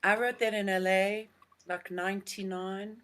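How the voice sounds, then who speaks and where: A woman's voice: medium pitch, steady tone, a little slow, fairly bright tone. A woman, a guest singer, giving brief replies in a casual chat.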